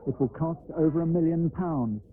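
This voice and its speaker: Documentary narrator on an old VHS tape. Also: male voice, on the high side, moderate pace, a crowd in the background. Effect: worn old VHS tape sound. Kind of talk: scripted narration. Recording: tinny lo-fi old video tape, faint noise.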